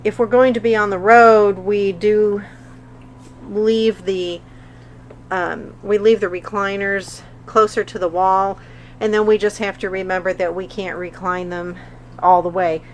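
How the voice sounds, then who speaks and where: A woman's voice: mid-range voice, fairly even intonation, measured pace. A woman giving a casual vlog narration, recorded inside a small RV trailer. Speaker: vlogger. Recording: clear background noise, small RV interior.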